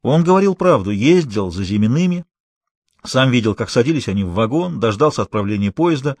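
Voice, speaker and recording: A man narrating an audiobook in an expressive, dramatic storytelling manner. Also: mid-range voice, brisk, dry recording.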